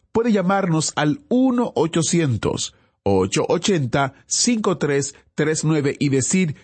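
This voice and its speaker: A man's voice: mid-range voice, darkish tone, no echo. A man announcing the close of a radio program and making a polite, formal appeal for donations. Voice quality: husky.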